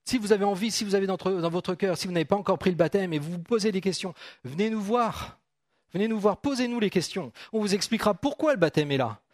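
A man's voice: sits high, fast talker, no echo, studio quality. A man preaching an informal sermon, reading Bible verses and talking chattily with his congregation, often repeating phrases. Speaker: pastor.

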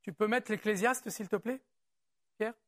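During a church service, a man preaches with a pastor's relaxed, conversational style, speaking directly to his congregation. His voice sits high and slightly bright, and he scatters rhetorical questions throughout. Whenever he reads a passage aloud, he slows down and becomes more measured.

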